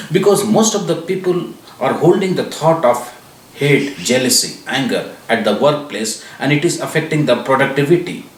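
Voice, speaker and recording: Echoey, distant man teaching mindfulness. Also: fairly high pitch. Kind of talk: scripted promotional talk to viewers. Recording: echoey room, distant mic.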